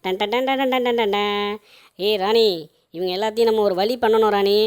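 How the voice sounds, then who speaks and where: A woman's voice: medium pitch, fairly even intonation, normal speed, smooth, close to an everyday voice. A woman voicing a mischievous little boy in a doll play, bragging about his prank. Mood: scheming. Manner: playful, gleeful, bragging.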